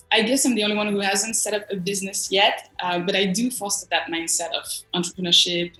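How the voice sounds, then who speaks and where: A design agency executive from northern France, speaking with a French accent, gives earnest, reflective answers as an interview guest. Her voice is fairly low with a sharp tone, captured in an echoey room on a low-quality recording.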